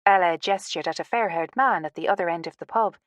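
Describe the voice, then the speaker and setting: A woman reading a romance novel aloud as the audiobook narrator, in a steady storytelling manner. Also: on the low side, brisk, no echo. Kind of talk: scripted narration.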